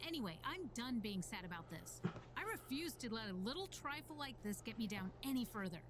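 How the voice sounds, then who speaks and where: A man's voice: extremely high pitch, big pitch swings, fairly quick, background noise, pitched above the performer's own voice. A man voicing a brash, sassy young woman gamer with a swaggering, cursing manner. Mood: defiant, brash.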